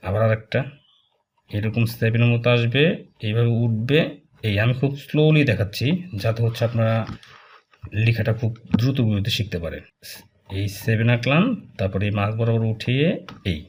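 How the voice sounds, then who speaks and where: A man, teaching a casual language lesson, talking slowly and repeating filler words as he writes strokes. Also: lowish voice, a little mellow. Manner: slow, repetitive, with many fillers while drawing strokes. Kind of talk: casual spoken lesson, explaining while writing.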